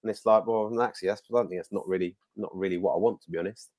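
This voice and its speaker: A man's voice: lowish voice, rapid-fire, a little mellow. A British man chatting casually in a blokey, plain-spoken, self-questioning way. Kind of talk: casual chat.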